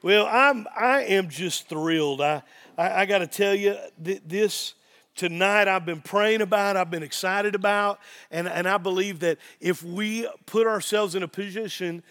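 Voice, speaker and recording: A man with an Appalachian accent giving an informal sermon as a pastor, earnest, excitable and folksy, repeating phrases for emphasis. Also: high voice, a little slow, faint music behind. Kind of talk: sermon, informal Bible teaching.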